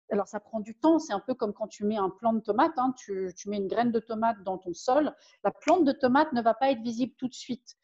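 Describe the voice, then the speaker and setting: A woman with a fairly high but mellow voice, co-hosting a live talk, speaks reflectively and reaches for homely comparisons. The sound is dull and lo-fi. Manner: reflective, uses everyday comparisons. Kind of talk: casual live discussion.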